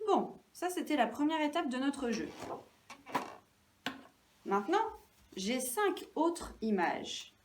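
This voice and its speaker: Slow, sing-song woman teacher. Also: high voice, big pitch swings, far from the mic, slight background noise. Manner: slow and deliberate, stretching out syllables, encouraging. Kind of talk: recorded classroom lesson for young children.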